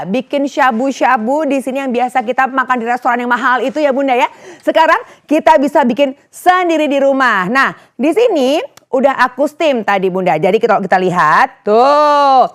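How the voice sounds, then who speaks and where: High-pitched woman in an infomercial sales pitch. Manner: chatty, enthusiastic, addressing viewers as mothers. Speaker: home shopping TV presenter. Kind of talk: infomercial sales pitch, urging viewers to call.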